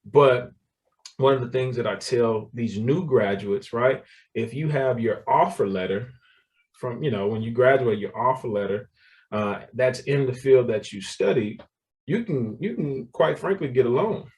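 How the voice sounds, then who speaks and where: Man, thirties, lively storyteller, medium-low voice, a bit distant from the mic. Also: a little slow. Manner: animated storyteller, laughs often, repeats words. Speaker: guest, real estate developer. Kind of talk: casual interview talk.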